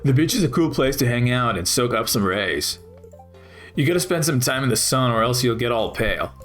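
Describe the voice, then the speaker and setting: A man's voice: mid-range voice, animated, a little fast, fairly bright tone, faint music behind, close to an everyday voice. A man reading the lines of a laid-back sporty young man in a farming game. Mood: breezy.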